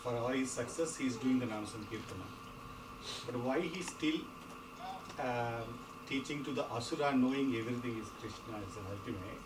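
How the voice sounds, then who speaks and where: A man in the audience haltingly asking a question, away from the microphone. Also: mid-range voice. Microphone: far from the microphone. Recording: echoey, noisy, distant room pickup.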